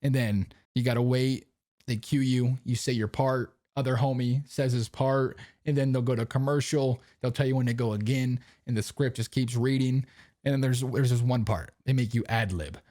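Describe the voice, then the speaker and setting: A man's voice: mid-range voice, steady tone, normal speed, warm tone, no room sound, clean studio sound. A young man hosting his own podcast, talking casually and rambling in slang, often asking "you know what I mean". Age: young adult. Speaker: podcast host. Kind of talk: casual chat. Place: home recording setup.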